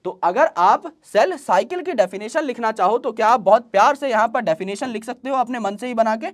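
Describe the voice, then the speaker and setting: A male teacher explains biology to students in an online class. He keeps asking rhetorical questions and answers them himself, and he slows right down whenever he dictates an English definition. He also brings in homely comparisons from everyday life. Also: extremely high pitch, animated. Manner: mixes English terms into Hindi explanation; uses folksy everyday comparisons.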